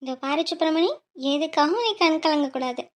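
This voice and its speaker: A woman voicing a squeaky cheeky young bride. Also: moderate pace, close to an everyday voice. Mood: cheeky, soothing. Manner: cheeky, bubbly. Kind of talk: cartoon voice acting.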